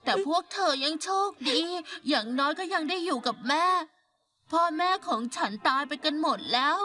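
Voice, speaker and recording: Chatty teenage schoolgirl, very high, animated, earnest, background music. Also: normal speed. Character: orphaned teenage schoolgirl, talkative. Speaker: voice actor. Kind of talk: dubbed TV drama. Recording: background music under the dialogue.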